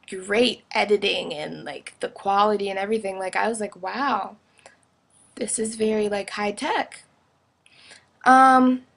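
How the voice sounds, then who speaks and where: A young woman talks casually into her camera, sharing a strong opinion in a chatty, emphatic way, with lots of fillers. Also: mid-range voice. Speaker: vlogger.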